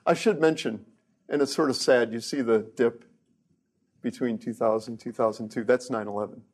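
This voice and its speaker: A middle-aged man lectures on hardware research in a relaxed, offhand way. He drops wry jokes into the technical points and often stumbles and restarts mid-sentence. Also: mid-range voice, normal speed, husky. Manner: casual, joking asides, frequent restarts. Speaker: research engineer giving a lecture.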